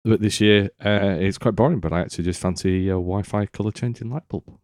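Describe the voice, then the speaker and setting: A man's voice: fairly low pitch, brisk, darkish tone, no echo, studio quality. A man with a British accent, chatting casually as a co-host on a podcast. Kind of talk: casual chat.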